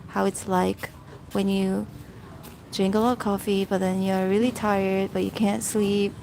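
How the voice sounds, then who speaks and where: Recorded on a handheld phone at a swimming pool, a woman vlogger talks casually with viewers live, thinking out loud. She has a gravelly, mid-range voice and a flat, measured delivery. Noisy poolside sound surrounds her on the phone mic.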